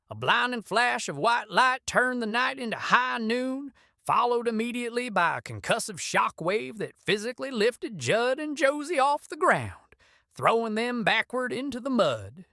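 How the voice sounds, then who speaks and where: A woman's voice: a little high, pushed and bright, dry recording, clean studio sound. A woman narrating a frontier adventure story in an intense, scripted style.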